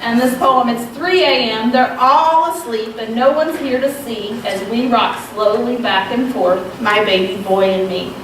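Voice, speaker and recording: With a fairly high, fairly bright voice, she speaks at a measured pace with few pauses. She's in her thirties, from Southwest Virginia, with a slight Southern accent, giving a casual, self-deprecating talk with frequent ums at a women's retreat. A large echoey room and a distant mic make the recording very echoey and noisy.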